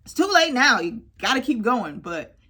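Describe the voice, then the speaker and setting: A woman casually reviewing a TV show, lively and expressive, dropping into stage whispers for asides. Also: a little high, moderate pace, husky. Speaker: YouTube TV reviewer.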